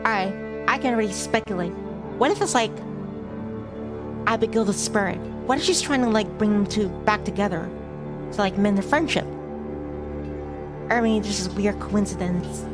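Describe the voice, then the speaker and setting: A streamer reads a visual novel aloud, narrating in measured phrases and adding casual commentary. Her voice is medium-pitched, and music plays in the background.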